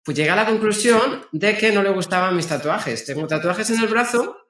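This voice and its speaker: A man, speaking as a guest therapist in a conversational, halting way with frequent restarts. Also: high-pitched, animated, fairly bright tone. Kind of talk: conversational explaining. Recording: roomy echo.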